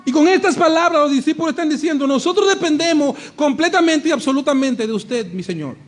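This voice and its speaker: High-voiced preacher. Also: male voice, brisk. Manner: animated preaching, acting out quoted voices, shifting between hushed and shouted. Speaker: pastor. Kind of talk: sermon.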